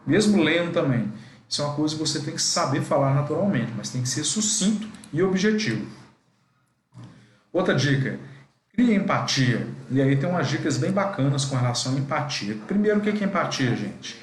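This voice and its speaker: A man's voice: on the high side, sing-song, a little fast, roomy sound, a little hiss or hum. A man with a Brazilian Portuguese accent teaching a live online class, with a didactic manner and frequent asides to his students. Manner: didactic, addresses students as "gente".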